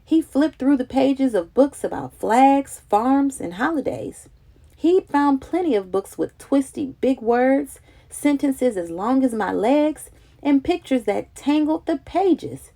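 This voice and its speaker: A woman reads a children's picture book aloud, telling the story in an expressive, dramatic, childlike way. Her voice is high-pitched with vocal fry, and she goes slowly.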